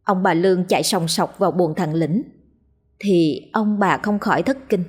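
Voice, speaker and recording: A woman narrating a ghost story in a steady, dramatic reading voice. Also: lowish voice, moderate pace, husky.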